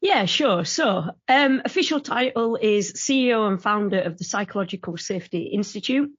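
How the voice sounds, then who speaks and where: A woman from the United Kingdom, a founder and CEO, is a guest on a podcast, chatting casually and telling stories in a friendly manner, laughing easily. Her husky, medium-pitched voice has lively intonation and a moderate pace, on a dry recording with the highs cut off.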